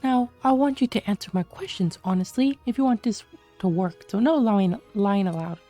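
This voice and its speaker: A woman's voice: medium pitch, warm tone, faint music behind, close to an everyday voice. A woman reading as a sly male doctor. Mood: probing. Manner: measured, questioning delivery. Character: smooth-talking male doctor questioning a cop. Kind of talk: reading game dialogue aloud.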